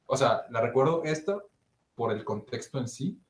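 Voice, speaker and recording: A man's voice: medium pitch, normal speed. A young man with a Mexican accent, chatting casually and telling an anecdote, acting out the voices of the people in it. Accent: Mexican Spanish. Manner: storytelling, acts out voices in his anecdote. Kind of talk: casual chat. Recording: roomy echo, faint noise.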